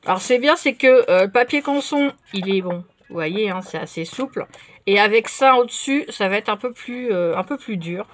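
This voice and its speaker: A woman chatting casually while she crafts at her table, relaxed and full of fillers. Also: mid-range voice, moderate pace. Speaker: craft vlogger.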